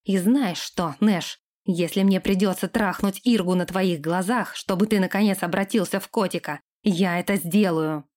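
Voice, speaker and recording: A woman's voice: lowish voice, normal speed, few pauses, a little mellow, lightly acted. Ruthless fantasy lord, harsh and commanding, read by a woman. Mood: angry. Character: scheming ruthless young male lord.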